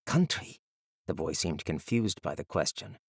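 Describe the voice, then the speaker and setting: A man reading a fantasy audiobook as narrator, in a measured, even storytelling delivery. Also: fairly low pitch, dry recording, studio quality.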